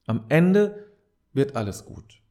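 A man's voice: mid-range voice, sing-song, takes it slowly, a little mellow. A man giving a reflective advice monologue as a podcast host, speaking straight to the listener in an earnest, preacher-like way and repeating key phrases for emphasis.

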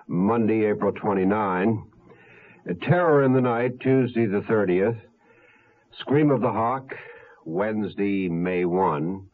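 A man giving a plain announcer's schedule read-out over a narrow-band closed-circuit line. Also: on the low side. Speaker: network promo announcer.

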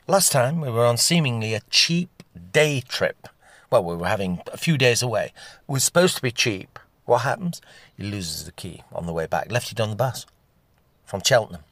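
A huffy, scandalised gentleman who cannot stop gossiping, as a man puts him on. His pitch swoops all over as he drawls out his darlings. It is recorded dry and close. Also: very animated, normal speed, dry recording. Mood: indignant. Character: gossiping posh older Englishman, indignant and scandalised.

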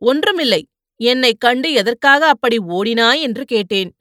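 A woman's voice: on the high side, animated, a little slow, a bit bright, no echo, studio quality. A woman voicing a vain, teasing young male warrior in playful banter, in an audiobook.

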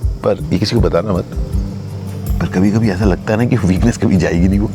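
A man's voice: deep voice, fairly quick. A man in his fifties, hosting a thoughtful, musing conversation and mixing in English phrases. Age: 50s. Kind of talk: reflective casual conversation. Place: outdoors in green surroundings. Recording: music playing behind the talk.

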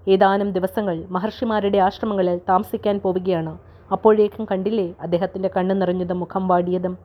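A woman storyteller giving a calm, measured, scripted storybook narration on a dull lo-fi recording. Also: medium pitch.

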